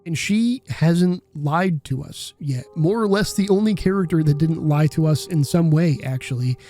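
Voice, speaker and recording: A man in his twenties gives a scripted voice-over for a video essay, earnest and contemplative in manner. His voice is a little high with a dark tone at normal speed, and soft music plays in the background.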